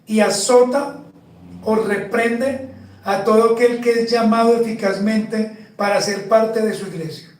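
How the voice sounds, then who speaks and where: A man preaching a sermon as pastor, slow and emphatic, putting rhetorical questions to the congregation. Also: high voice, fairly even intonation, darkish tone, heavy reverb, distant mic, poor audio. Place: church.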